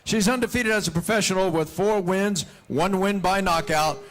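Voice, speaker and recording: A man working as a boxing ring announcer, formally introducing fighters with theatrical, drawn-out delivery at a live event. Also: high voice, fairly bright tone, rough recording.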